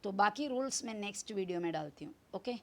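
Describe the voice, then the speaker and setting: A woman's voice: medium pitch, lively intonation, fast talker, a bit bright. A woman from India, teaching grammar in a video lesson, repeating each form and spelling words out. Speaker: English teacher.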